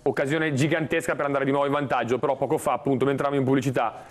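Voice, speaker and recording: A man in his forties doing live football commentary on TV in an excitable, breathless manner. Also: mid-range voice, very fast. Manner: excitable, breathless, shouting at goals and chances. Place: TV studio. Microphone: lapel mic.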